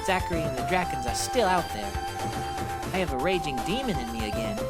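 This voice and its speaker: Woman playing a young male hedgehog hero, scripted narration, low-pitched, wry, matter-of-fact, music behind. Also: expressive, brisk. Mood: wry recap. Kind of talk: scripted first-person recap narration.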